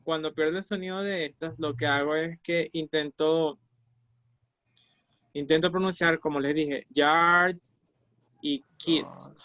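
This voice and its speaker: Slow, patient male language teacher. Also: on the high side, steady tone, a bit bright, no room sound, lo-fi sound. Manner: patient, repeats syllables slowly for students. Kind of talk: online language lesson.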